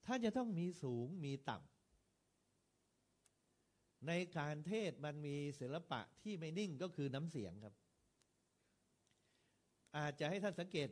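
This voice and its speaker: A man's voice: on the high side, a little slow, pauses often. A man, a Buddhist monk, lecturing fellow monks on how to preach, talking in a conversational way with varied stress and rhythm and putting questions straight to his listeners. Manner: varied stress and rhythm, lively rises and falls.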